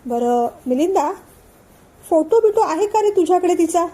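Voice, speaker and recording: A woman's voice: very high-pitched, expressive, normal speed, dark tone, pitched above the performer's own voice. A woman voicing an irritable young man in a storybook reading, snapping short angry questions. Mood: irritated.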